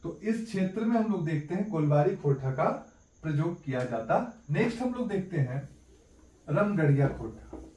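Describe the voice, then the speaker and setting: A man's voice: a little high, expressive, moderate pace, warm tone. Man teaching in an echoey room. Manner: repeats key points as questions and answers them. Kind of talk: exam-prep lesson. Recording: echoey room, mic at a distance.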